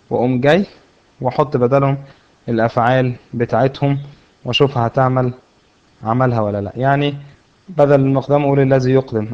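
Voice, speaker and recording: Fast-talking Egyptian male grammar teacher. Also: medium pitch, darkish tone. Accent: Egyptian Arabic. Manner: explains step by step, asks and answers his own questions. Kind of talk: classroom grammar lesson. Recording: dull lo-fi recording.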